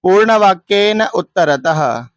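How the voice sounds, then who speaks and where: A woman Sanskrit teacher going through an exam paper, posing questions and answering them herself, and chanting verses slowly. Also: medium pitch, expressive, dry recording, dull audio. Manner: asks and answers her own questions; recites verses in a slow chant. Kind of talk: exam paper walkthrough lesson.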